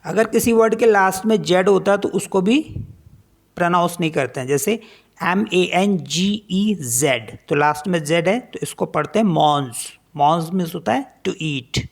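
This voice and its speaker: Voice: medium pitch, moderate pace, vocal fry. A language teacher explaining French pronunciation in Hindi, spelling each word letter by letter and then repeating how it is read.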